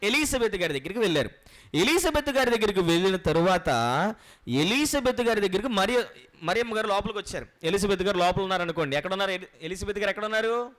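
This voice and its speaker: A man preaching a Bible sermon who asks his listeners questions and answers them himself. He explains word meanings slowly and repeats the key points. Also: high voice, lively intonation, fairly bright tone. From Andhra Pradesh, India.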